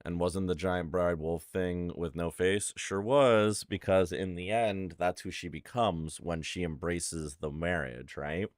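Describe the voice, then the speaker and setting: Male game streamer, deep voice, dry close-mic sound, casual and sweary commentary. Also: steady tone, a little slow, hardly any pauses, no room sound. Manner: blunt, sweary.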